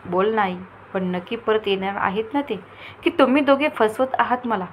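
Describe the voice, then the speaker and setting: A woman voicing an impulsive, playful young woman who talks in a lively, pleading way. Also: medium pitch, moderate pace, a little hiss or hum, lightly acted, poor audio. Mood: eager.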